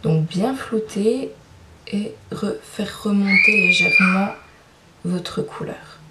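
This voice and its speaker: Young woman, makeup tutorial, chatty, hesitant fillers, mid pitch, distant mic. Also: slow pace, heavy background noise. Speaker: beauty vlogger. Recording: roomy sound, mic at a distance.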